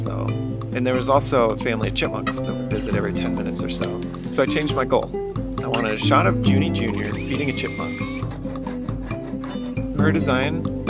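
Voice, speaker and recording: A man narrating a wildlife photo video in casual storytelling, earnest and self-deprecating. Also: fairly low pitch.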